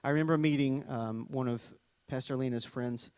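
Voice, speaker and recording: A middle-aged worship leader from Arkansas, speaking with a Southern US accent, preaches a conversational sermon with scripture reading. His medium-pitched, clean voice moves at a moderate pace on a dry recording, chatty and full of joking asides and animated storytelling.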